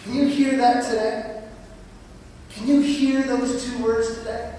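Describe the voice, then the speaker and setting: A man preaching a sermon in a church, telling stories with lively, dramatic delivery. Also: very high voice, unhurried, a little hiss or hum. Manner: animated storytelling preacher, acts out voices. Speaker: pastor. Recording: distant mic in a reverberant church.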